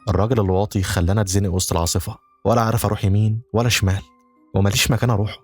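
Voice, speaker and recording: A man with an Egyptian Arabic accent voicing a creepy male stranger who talks his way into a house, smooth and overly familiar. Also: on the low side, fairly even intonation, racing, darkish tone, dry recording, soft background music, natural voice. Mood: eerily calm. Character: creepy male stranger, eerily calm intruder.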